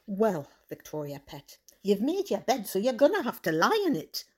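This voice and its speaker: A woman's voice: medium pitch, huge pitch swings, normal speed, a little mellow, slightly rough. A woman playing a stern, scolding mother, nagging her daughter.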